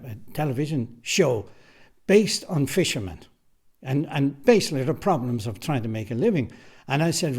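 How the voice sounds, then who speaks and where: An Irish man who writes and directs radio drama answers interview questions in a recording studio, casual and emphatic, often repeating his phrases. His voice is a little high and a little mellow.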